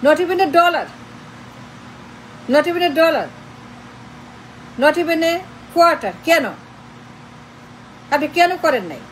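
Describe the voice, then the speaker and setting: A woman with a high voice, hammering away with question after question in a heated political rant. She mixes Bengali and English in her demands. Faint traffic hum sits behind her. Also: very animated, extremely slow, pauses often, poor audio. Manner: confrontational, fires repeated rhetorical questions; switches between Bengali and English. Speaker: political commentator. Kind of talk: impassioned online political monologue.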